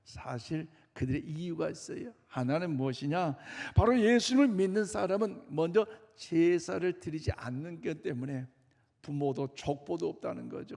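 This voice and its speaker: A man's voice: fairly high pitch, vocal fry, warm tone. A man preaching a Sunday sermon in a church sanctuary, earnestly and emphatically addressing the congregation. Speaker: pastor. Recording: long reverb of a church hall.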